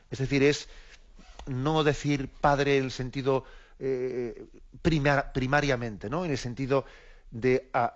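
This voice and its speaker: Male clergyman from Spain, reflective radio teacher, mid pitch, dull lo-fi sound. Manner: reflective, repeats words, checks in with "¿eh?". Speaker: bishop teaching the catechism. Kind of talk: radio catechism lesson.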